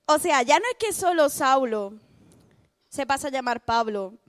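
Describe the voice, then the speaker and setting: Lively young woman from Spain preaching. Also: high-pitched, normal speed. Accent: Spain Spanish. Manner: lively, chatty, self-mocking, laughs often. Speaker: youth speaker. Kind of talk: youth sermon.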